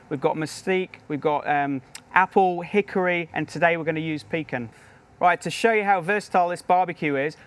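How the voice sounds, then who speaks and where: A professional British chef, upbeat and chatty, talks through a cooking demonstration at the grill, showing each step as he goes. His voice is fairly high.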